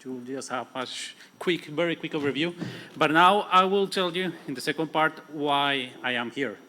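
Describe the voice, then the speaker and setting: A young adult man from Colombia with a strong Latin American Spanish accent, speaking fast in a conference presentation and often restarting his words. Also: on the high side, pushed and bright.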